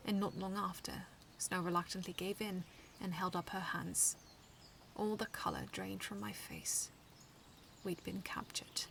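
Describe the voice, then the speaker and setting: A woman reading her own fanfiction aloud with steady storytelling and the odd slip and restart. Her voice is bright with a gravelly edge, and a faint background sound sits behind her. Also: fairly low pitch, a little hiss or hum.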